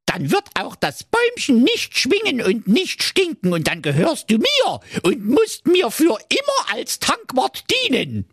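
A man's voice: very high voice, wildly swooping pitch, a little slow, hardly any pauses, a bit bright, husky, no echo, clean studio sound, voice pushed up, heavily acted. A man voicing a grumpy, sly, evil male dwarf in a comic fairy tale, with a grumbling manner.

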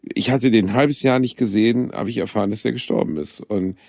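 A man with a fairly low voice chatting casually, telling a story in a hesitant, reflective way with frequent fillers. He is recorded close and dry. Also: brisk, vocal fry, a little mellow, dry recording. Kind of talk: casual chat.

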